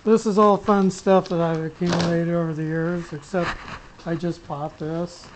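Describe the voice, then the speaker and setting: Casually and without a script, a hobbyist demonstrates his radio setup, his explanations rambling and halting. His middling voice shows little pitch movement at a normal speed. The rough recording carries clear background noise and clicks throughout.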